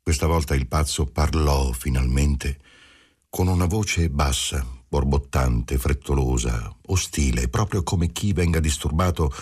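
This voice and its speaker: Brief: male audiobook reader, very deep husky voice, measured literary narration. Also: darkish tone.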